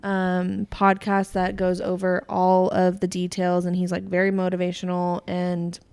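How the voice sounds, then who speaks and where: A woman's voice: fairly low pitch, monotone, unhurried, a little mellow, smooth. A young woman co-hosting a podcast in casual chat, giggly and full of fillers. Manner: chatty, giggly, trails off with fillers. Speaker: podcast co-host.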